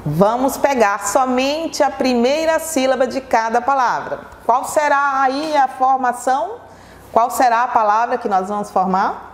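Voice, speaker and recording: Slow, patient woman teacher for young pupils, a little high, in an echoey room with a long tail. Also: expressive, slight background noise. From Brazil. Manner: slow, patient, asks pupils questions and answers them herself. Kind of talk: televised classroom lesson for children.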